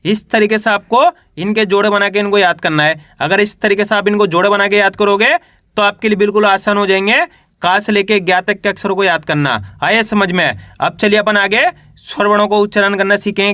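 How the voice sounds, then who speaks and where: A man's voice: sits high, pushed and bright, no echo, clean studio sound. A man teaching reading, patiently drilling each letter with repeated questions and example words. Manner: patient, repetitive drilling of syllables. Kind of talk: classroom-style spoken lesson.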